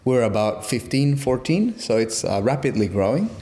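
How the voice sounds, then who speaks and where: A young man from Guatemala, reflecting on his upbringing in a casual interview, with pauses and restarts. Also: medium pitch, very animated, dark tone. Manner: reflective, halting, with fillers and restarts. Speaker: interview guest.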